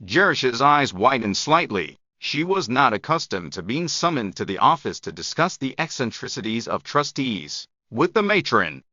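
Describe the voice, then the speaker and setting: Bright-voiced man reading a story phrase by phrase. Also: mid-range voice, big pitch swings, dry recording, highs cut off. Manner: measured phrase-by-phrase delivery with long gaps. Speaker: narrator of English shadowing practice. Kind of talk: scripted audiobook narration.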